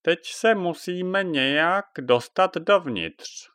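A cranky witch woman who croaks and bosses her friend around, her voice pitched well up and swinging between lines, performed by a man telling a storybook tale. She talks in a dry, close sound with no room around her. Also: expressive, a bit bright, dry recording. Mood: bossy. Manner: bossy, scolding. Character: cranky female witch on a broomstick.

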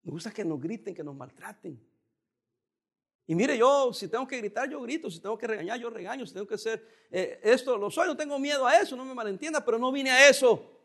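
A male pastor preaching a sermon in a calm, conversational way, with occasional emphatic rises. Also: extremely high pitch, a little fast.

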